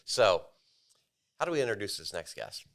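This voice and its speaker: A man's voice: on the low side, sing-song, moderate pace, fairly bright tone, no room sound, studio quality. A middle-aged man co-hosting a podcast in a jokey, rambling way, often restarting his sentences. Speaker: podcast co-host. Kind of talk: casual podcast banter. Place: small podcast studio. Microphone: studio mic on a boom, with headphones.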